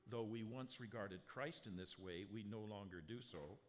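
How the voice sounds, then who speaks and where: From the pulpit, a man with a strong voice on the low side preaches conversationally, tossing rhetorical questions at the congregation. He reads scripture in a slow, emphatic way. The church sanctuary gives a long hall reverb, and he's on a handheld or stand mic with live sound adjustment.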